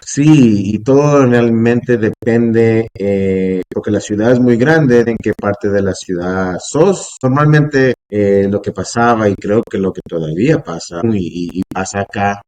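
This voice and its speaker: A man from Canada who speaks, a podcast guest who explains things earnestly and at length, pausing often on "eh". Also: fairly low pitch, darkish tone. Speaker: podcast guest, shop co-founder. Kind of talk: casual interview chat.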